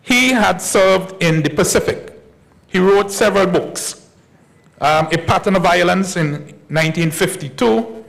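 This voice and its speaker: A man lectures as a historian at a conference. His voice sits a touch high, with a gravelly edge. He speaks in a measured way and repeats key points slowly. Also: rough recording. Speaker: historian giving a conference talk. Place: conference hall.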